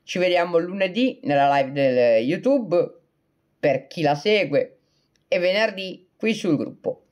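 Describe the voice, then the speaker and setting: A woman's voice: on the low side, lively intonation, measured pace, darkish tone, lo-fi sound. A woman hosting a casual livestream, chatting with viewers in a joking way, reading out their comments and replying. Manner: chatty and joking, breaking often into laughter; reads out and answers viewer comments. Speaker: livestream host.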